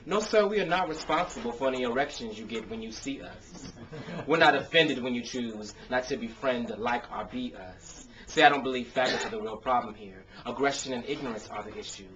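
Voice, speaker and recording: Captured on a noisy, dull-sounding consumer camcorder with crowd noise in the background, an American man performs spoken word poetry in a medium-pitched voice. He talks fairly quickly with few pauses, giving casual introductions and emphatic, expressive phrasing.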